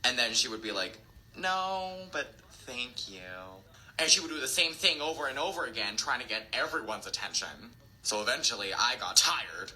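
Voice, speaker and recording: A man tells an anecdote to camera with dry, blunt delivery. His voice is mid-pitched and very bright, recorded clean. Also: animated, brisk, rough recording. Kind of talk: casual storytelling to camera.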